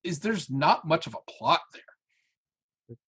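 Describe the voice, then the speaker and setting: A man's voice: fairly high pitch, slow pace, husky. A man co-hosting a casual podcast, arguing animatedly about movies. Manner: argumentative, animated. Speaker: podcast co-host. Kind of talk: casual chat.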